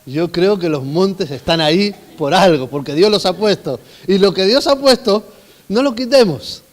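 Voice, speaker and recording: A male pastor preaches with emphatic swings between loud calls and hushed asides, often asking the congregation questions. His voice sits high for a man. The sound rings with the long reverb of a church hall. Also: lively intonation, normal speed. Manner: emphatic, rising and falling dynamically, asks the congregation questions. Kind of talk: sermon.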